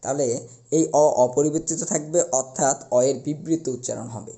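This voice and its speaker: A young man teaching a recorded class, explaining step by step and slowly repeating the key words. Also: a little high, warm tone.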